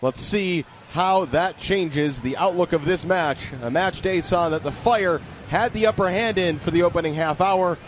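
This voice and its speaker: A high-voiced man calls soccer action live for radio at normal speed, barely pausing as he talks. He's broadcasting from an open-air stadium, and loud crowd ambience dominates the noisy outdoor recording.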